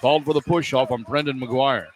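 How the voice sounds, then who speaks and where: Amid crowd noise, a medium-pitched man calls a basketball game at a fairly quick clip for live radio. He's courtside in an indoor arena, describing the action in clipped bursts and getting excited on key plays, with the arena ambience clear behind him.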